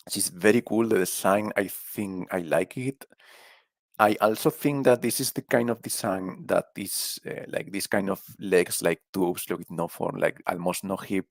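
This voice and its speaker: Low gravelly man with a Spanish accent. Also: no room sound. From Spain. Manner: rambling, casual, swears, trails off while thinking. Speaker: video creator ranking game characters. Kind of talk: casual tier-list commentary.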